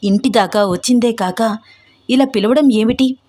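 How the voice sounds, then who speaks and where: A woman voicing a headstrong young female student who talks in an irritated, sharp way. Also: a little high, unhurried.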